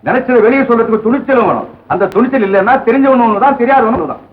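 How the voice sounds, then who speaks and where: An actor playing a stern older uncle who quizzes and lectures the boys in a scolding manner, in a 1960s film. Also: male voice, very high-pitched, rapid-fire. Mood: lecturing. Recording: thin, phone-like old film soundtrack.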